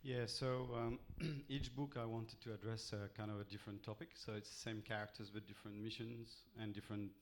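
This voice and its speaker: A middle-aged man with a French accent and French as his first language, answering an interviewer haltingly with many pauses and restarts. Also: lowish voice, level tone, slight background noise. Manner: hesitant, many ums and restarts. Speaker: author guest. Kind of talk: live on-stage interview.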